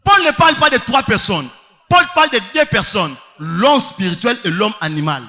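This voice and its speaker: High bright-voiced preacher in a hall. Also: male voice, lively intonation, moderate pace. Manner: emphatic, rhetorical questions, sing-song stretches. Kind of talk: sermon. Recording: long hall reverb.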